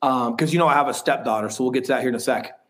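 A man's voice: mid-range voice, rapid-fire, fairly bright tone. A man in his thirties, a podcast guest, telling a personal story in a frank, rambling way with casual swearing.

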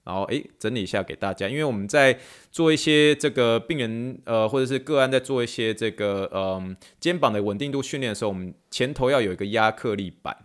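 A man with a Taiwanese Mandarin accent teaches clinical English in a chatty podcast style, talking at a brisk clip. He mixes English words into his sentences, repeats phrases, and spells out words letter by letter. His voice sits at an ordinary mid pitch. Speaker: physical therapist and podcast host.

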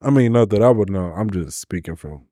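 A man's voice: lowish voice, expressive, fairly quick, mellow, dry recording, clean studio sound. A man bantering casually, with blunt, slangy and profane remarks.

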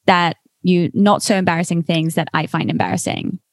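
A woman's voice: on the low side, animated, normal speed, no echo. A woman from Switzerland hosting a podcast, chatting casually and frankly, swearing freely. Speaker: podcast host.

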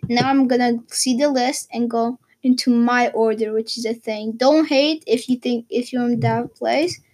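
A woman's voice: a little high, steady tone, normal speed, darkish tone, low-quality recording. A teenage girl from Portugal, vlogging in a casual, rambling way with lots of fillers and restarts. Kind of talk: casual chat.

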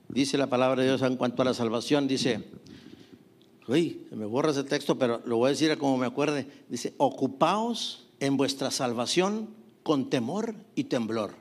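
A man's voice: mid-range voice, moderate pace. A middle-aged man preaching a sermon, asking rhetorical questions and calling out to the congregation as brothers. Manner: preaching with rhetorical questions and frequent "hermanos" and "amén". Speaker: pastor.

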